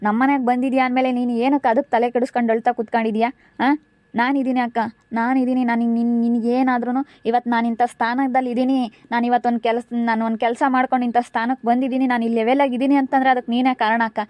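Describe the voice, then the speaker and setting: A woman's voice: on the high side, flat delivery, racing, a little mellow, no echo, natural voice. A woman playing a pleading, devoted younger sister. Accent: rural central Karnataka Kannada. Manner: pleading, insistent comforting. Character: devoted younger sister consoling a crying elder sister. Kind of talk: amateur village family drama.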